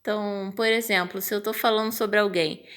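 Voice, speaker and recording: A woman's voice: medium pitch, fairly quick. A woman teacher with a Brazilian Portuguese accent, patiently explaining punctuation step by step and acting out example phrases. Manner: acts out example phrases with lively intonation. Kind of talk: online grammar lesson.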